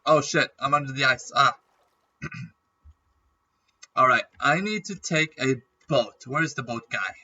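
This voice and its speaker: A man chatting casually through a game as a YouTuber, rambling and clearing his throat often with a nagging cough. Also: medium pitch, unhurried, pauses often, sharp tone, distant mic, muffled recording. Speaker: gaming YouTuber.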